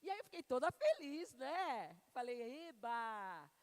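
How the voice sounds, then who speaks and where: A woman's voice: high-pitched, expressive, measured pace, darkish tone. Fervent woman preaching in a hall. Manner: fervent, exhorting, tells personal stories. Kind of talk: sermon. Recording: long hall reverb.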